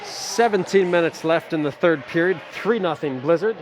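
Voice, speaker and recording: A middle-aged man with a fairly high voice calls a hockey game live at an ice rink. His amateur play-by-play is quick and easygoing, with friendly asides between plays, and steady rink noise can be heard clearly behind him. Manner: rapid play-by-play with relaxed chatty asides. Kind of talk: amateur live sports commentary.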